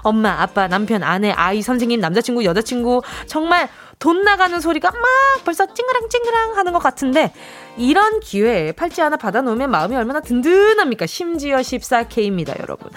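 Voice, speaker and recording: A woman's voice: a little high, sing-song, fairly quick, faint music behind. A young woman hosting a radio show, playfully announcing a giveaway and reading listener texts aloud with a bubbly, dramatic delivery. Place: radio studio. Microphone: studio mic.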